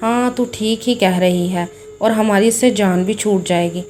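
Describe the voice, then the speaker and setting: A woman's voice: mid-range voice, steady tone, a little slow, a little hiss or hum, close to an everyday voice. A woman voicing a harsh, scheming mother-in-law who talks with scorn, in a storybook tale. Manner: scornful, sharp-tongued.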